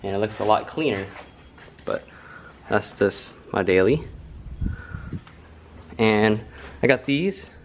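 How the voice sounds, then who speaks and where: A car vlogger in his late twenties chats casually to his audience in a lowish, animated voice, speaking slowly with long pauses. He rambles in a laid-back way, full of fillers. There's slight background noise.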